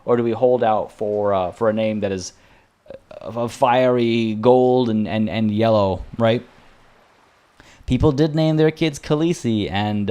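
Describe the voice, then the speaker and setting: With a low-ish, slightly mellow and clean voice, a man live-streams a game and rambles to his audience, wandering off topic and restarting often. He says his voice is going.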